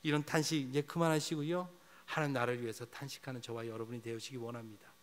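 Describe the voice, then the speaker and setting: Impassioned male pastor in echoing church. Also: medium pitch. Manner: impassioned preaching, voicing prayers in a pleading rising tone then dropping soft. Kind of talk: sermon. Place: church sanctuary. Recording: long church reverb with mains hum.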